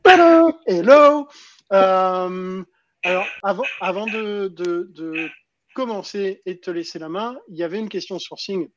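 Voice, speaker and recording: A man's voice: sits high, moderate pace, highs cut off, noisy background. A man hosting a casual live stream, chatty and stumbling over restarts while greeting viewers.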